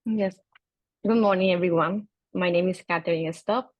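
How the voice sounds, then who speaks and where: A woman's voice: lowish voice, normal speed, no room sound, dull audio. Woman from the Dominican Republic on a panel. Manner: direct and simple, with some slips. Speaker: panelist, former adult learner. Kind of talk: answering on a panel.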